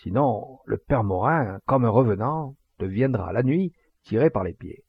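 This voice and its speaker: Brief: jovial middle-aged poacher, fatherly and preachy, put on by a male reader; gravelly, dry, lo-fi. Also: expressive, a little slow, no echo. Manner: booming, hearty, sententious.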